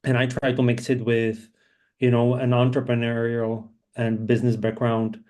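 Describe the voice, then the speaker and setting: On a webinar panel, a middle-aged impact investor speaks loosely and conversationally over a video call, filling his speech with "you know" and "um." His mid-range voice is monotone and a little mellow, at a moderate pace.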